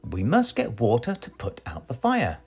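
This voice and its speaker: A man's voice: mid-range voice, huge pitch swings, normal speed, darkish tone, breathy edge, faint music behind, exaggerated voice. A British man voicing a very strong, modest and cheerful man in a children's storybook. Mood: purposeful.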